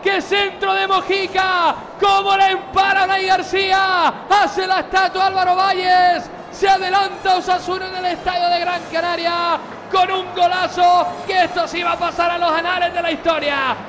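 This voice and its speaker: Male football commentator for breakneck goal calls, extremely high and shouted, over a noisy stadium. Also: monotone, normal speed. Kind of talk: live radio football commentary. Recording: loud crowd and stadium noise.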